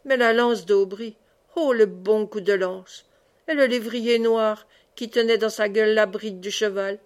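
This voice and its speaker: A woman reading a classic novel aloud as an audiobook, expressive in the dialogue. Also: mid-range voice, measured pace. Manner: expressive, raises voice for cries. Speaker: audiobook reader.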